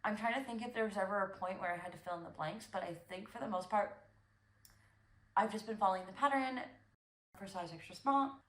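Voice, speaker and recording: Young woman host, casual rambly chat, mid pitch, echoey room at home. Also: a little fast, fairly bright tone. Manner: chatty, rambling, self-correcting with fillers. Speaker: knitting podcast host.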